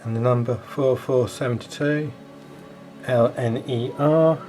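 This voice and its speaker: A man's voice: medium pitch, fairly even intonation, takes it slowly, a little mellow, soft background music. Man giving casual model railway commentary. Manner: playfully spooky, exclaiming in mock surprise at times. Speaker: model railway hobbyist and reviewer. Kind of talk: casual hobby video commentary.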